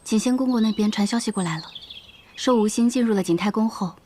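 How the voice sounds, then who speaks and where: An actress playing a calm, soft-spoken noblewoman who relays news in a level voice. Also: mid-range voice, fast, slight background noise, lightly acted. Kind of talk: period drama acting.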